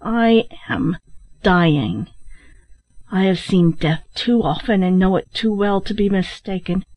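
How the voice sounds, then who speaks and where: A woman's voice: mid-range voice, takes it slowly, no room sound. A woman voicing a dying, gold-haunted old miser. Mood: bitter, weak. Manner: weak, hoarse whispering with sharp outbursts. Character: dying middle-aged man, bitter, gold-obsessed. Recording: dull, muffled recording.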